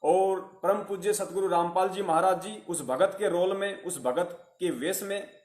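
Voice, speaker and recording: A man's voice: high voice, a little slow, a little mellow. Guy preaching a devotional sermon, earnest, keeps repeating himself, echoey. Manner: earnest, repetitive, addresses listeners as virtuous souls.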